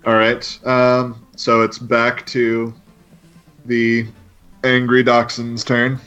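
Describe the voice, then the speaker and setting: A man's voice: mid-range voice, completely flat delivery, very slow, fairly bright tone, smooth. A man narrating a tabletop game as game master, laying out each scene step by step in an easygoing way. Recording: dull lo-fi stream audio with faint music.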